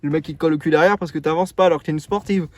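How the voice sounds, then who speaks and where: A man's voice: fairly high pitch, very fast. A young man casually showing off his car outdoors, joking and rambling with lots of fillers. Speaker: car vlogger.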